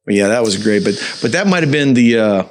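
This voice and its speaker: A man who is a singer, a guest in an interview, telling stories in a lively, laughing way. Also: fairly low pitch, a little fast. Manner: animated storyteller, laughs often. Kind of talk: casual interview storytelling.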